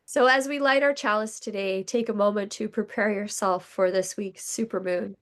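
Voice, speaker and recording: A hoarse woman giving the opening words of a sermon over a video call, in a gentle, measured reading voice. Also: mid-range voice, fairly even intonation. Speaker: guest speaker.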